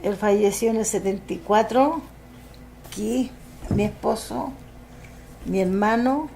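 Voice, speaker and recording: An older woman with a Chilean accent, recalling events in halting testimony with many restarts. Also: medium pitch, vocal fry, dark tone, a little hiss or hum. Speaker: interviewee. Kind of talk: personal testimony for a documentary.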